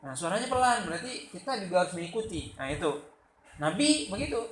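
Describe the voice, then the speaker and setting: A man from Sumatra with a Sumatran Indonesian accent, giving a loud, lively religious lecture and acting out the quotes in his stories. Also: high voice, fast. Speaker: religious teacher. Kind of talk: study-circle lecture. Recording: echoey room with faint background noise.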